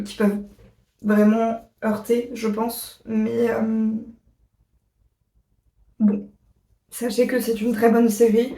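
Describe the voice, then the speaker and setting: A woman vlogger chatting casually to her viewers, rambling and pausing often on fillers. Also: a little high, mellow, far from the mic. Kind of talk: casual chat to camera. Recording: echoey room, voice a bit off-mic.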